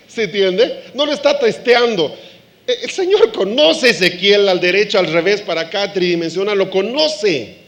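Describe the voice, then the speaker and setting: High-voiced animated male preacher. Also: moderate pace. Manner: animated, acts out quoted voices, laughs with audience. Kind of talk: sermon.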